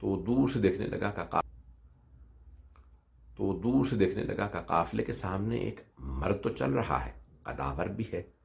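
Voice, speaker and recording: A man's voice: low voice, lively intonation, a little slow, vocal fry, pauses often. A man reciting a mourning sermon in an emotional voice that breaks into sobs, in a dull lo-fi recording. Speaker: religious orator.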